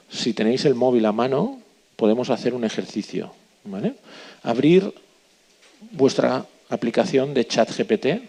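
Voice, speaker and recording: A man's voice: medium pitch, creaky, darkish tone, slightly rough. A man giving a live workshop talk, asking the audience questions and checking in with "¿vale?" often. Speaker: workshop speaker.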